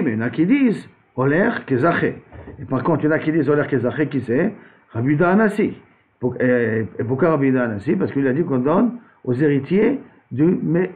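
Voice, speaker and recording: A man teaching a Talmud lesson as a rabbi, reading Aramaic phrases and then explaining them in with frequent restarts. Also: on the high side. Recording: tinny phone-like recording.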